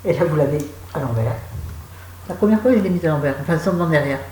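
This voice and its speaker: A woman's voice: low-pitched, expressive, fast, mellow, echoey room, a little hiss or hum, poor audio. A woman chatting casually to camera from her home, rambling and self-mocking with frequent restarts. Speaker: vlogger. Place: room at home.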